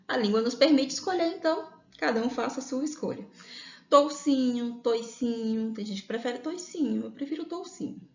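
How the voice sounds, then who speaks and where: A woman with a Brazilian accent gives a grammar lesson in a fairly high voice. She explains patiently and keeps checking in with her listeners. The recording sounds dull and lo-fi, with a roomy echo. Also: lively intonation, fast talker, gravelly, hardly any pauses, darkish tone. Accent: Brazilian Portuguese. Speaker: grammar teacher. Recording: echoey room, dull lo-fi sound.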